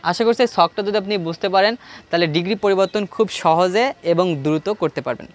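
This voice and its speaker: A man's voice: sits high, a little fast. A man with a Bangladeshi Bengali accent teaching an English grammar lesson step by step, asking questions and answering them himself. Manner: repeats key points for emphasis. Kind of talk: classroom grammar lesson at a board.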